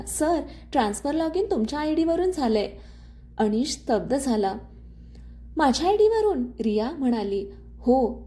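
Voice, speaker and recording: A woman narrates a dramatic story in a high, mellow voice. She carries the dialogue of every character in her own everyday voice, with scripted, steady storytelling. Her tone stays soft and warm throughout.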